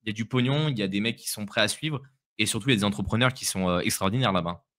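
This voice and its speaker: A man's voice: lowish voice, rapid-fire, a bit bright. A man co-hosting a live crypto stream, giving his opinions in casual chat with frequent restarts and repeated words.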